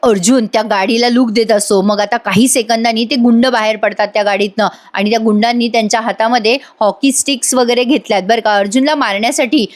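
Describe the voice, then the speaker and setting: A woman's voice: a little high, steady tone, fast, hardly any pauses. A woman giving a chatty voice-over review of a TV serial episode, exclaiming and speaking straight to her audience.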